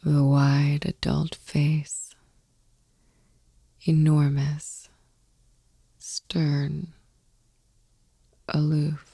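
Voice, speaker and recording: A woman hosts a sleep ASMR podcast, reading poetry in a soft, breathy whisper that is slow, soothing and close to the mic. Her voice is low and monotone, with no echo.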